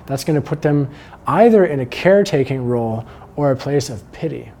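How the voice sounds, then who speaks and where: A man talks through a lesson in a calm, earnest manner. His voice is warm and low in tone, and he often slows down and quiets to let an idea land. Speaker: sex educator. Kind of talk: instructional talk.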